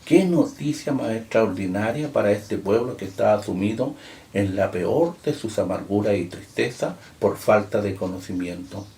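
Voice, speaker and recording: A man preaching a sermon as pastor. He reads scripture aloud with emphasis, slowing down and lifting his voice on key words. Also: fairly low pitch, expressive, mellow. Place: church. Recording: echoey room.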